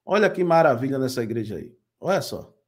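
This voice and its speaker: A man's voice: mid-range voice, very animated, brisk. A man hosting a video channel, reacting with incredulous, mocking commentary. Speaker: channel host.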